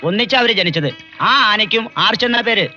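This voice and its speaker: An actor playing a sly, mocking villager who tells local stories, on a dull old film soundtrack. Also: male voice, high-pitched, animated, brisk, sharp tone, faint music behind, full character voice. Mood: gossiping. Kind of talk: 1990s film comedy acting.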